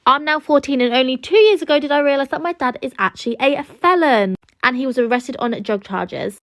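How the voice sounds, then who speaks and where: A woman's voice: high voice, a little fast, fairly bright tone, dry recording, studio quality. A woman telling a personal story in a plain, earnest storytime narration.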